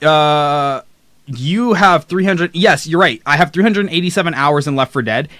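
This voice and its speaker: A young man hosts a live stream, chatting casually, rambling through a list of games, and reading the chat out loud. His voice is fairly high and a bit bright at a normal pace. A close desk mic gives clean studio sound with no room tone.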